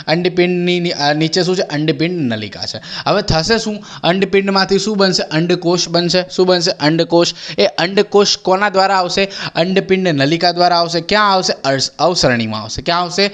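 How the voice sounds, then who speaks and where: Gujarati-accented tutor quizzing himself aloud. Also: male voice, high voice, fairly bright tone. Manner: asks questions and answers them himself, repeats key terms. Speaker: biology tutor. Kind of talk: exam-prep lesson.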